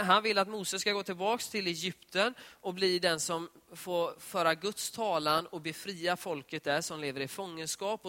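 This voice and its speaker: A man with a bright, fairly high voice gives an informal devotional talk, speaking in a relaxed, chatty way and briefly acting out the people in the stories. His voice rings out with a long reverb, as if he is in a large hall. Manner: conversational, retells scripture scenes in lively voiced dialogue. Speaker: preacher.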